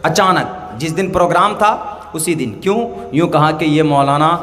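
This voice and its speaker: A man from India gives a religious talk in a high voice that rings out through a reverberant hall. He tells his stories by acting out the dialogue, and he slows right down for carefully spaced English phrases. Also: a bit bright. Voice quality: slow, deliberate English phrases. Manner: storytelling with acted dialogue. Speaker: Islamic preacher. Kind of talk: public religious speech.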